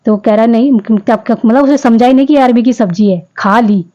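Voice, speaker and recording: A woman in her fifties talks viewers through her day in a chatty, homely voice-over. Her voice is mellow and relaxed. The recording is dull and lo-fi. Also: a little high, fairly quick. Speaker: vlogger. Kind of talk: casual vlog voice-over narration.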